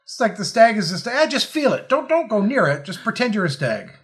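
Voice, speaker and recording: A man's voice: high voice, sing-song, brisk, a bit bright. A man co-hosting a casual movie commentary, joking and riffing on scenes with frequent fillers. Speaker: podcast co-host.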